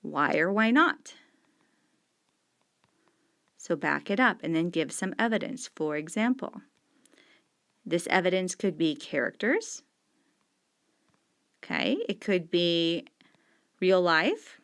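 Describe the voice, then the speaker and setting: Pen in hand, this middle-aged teacher annotates the page on screen while patiently explaining discussion questions, leaning on the key words. She speaks slowly and pauses often, in a fairly low, slightly bright voice with lively intonation.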